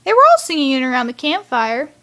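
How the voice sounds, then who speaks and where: A woman's voice: sits high, wildly swooping pitch, fast talker, bright, forceful tone. A woman rambling through a casual review of a cartoon episode, chatty, with sighs and side remarks. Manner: chatty, rambling, sighing asides.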